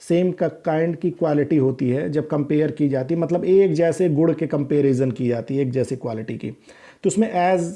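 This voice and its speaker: Male teacher with a dark, mellow voice. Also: on the high side. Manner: explains in Hindi, reads English rules slowly and deliberately; frequent "theek hai" check-ins, self-corrections. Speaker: English grammar teacher. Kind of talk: recorded classroom lesson.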